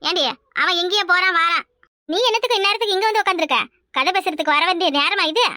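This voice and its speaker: A nagging old village mother-in-law, as a woman voices her for a cartoon, speaking Kanyakumari Tamil in a very high, bright voice. She rattles along fast and sounds dry and close-miked. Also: no echo. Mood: scolding. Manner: nagging, defensive, calls others "ஏட்டி". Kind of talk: cartoon voice acting.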